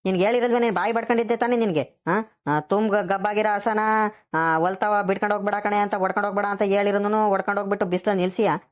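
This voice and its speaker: A woman's voice: medium pitch, steady tone, racing, close to an everyday voice. A woman voicing a scolding old village grandfather. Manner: scolding, lecturing.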